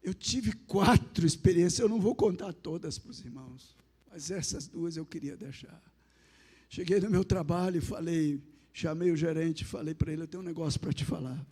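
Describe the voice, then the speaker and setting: A man with a Brazilian accent preaching, telling a personal testimony as a lively storyteller who acts out the dialogue. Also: a little high, moderate pace, husky.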